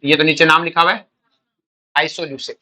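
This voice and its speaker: On the high side and steady, this man speaks briskly in a sharp tone. He's a chemistry teacher in a call-and-response coaching lecture, quizzing exam students, calling them "beta," and repeating what they say.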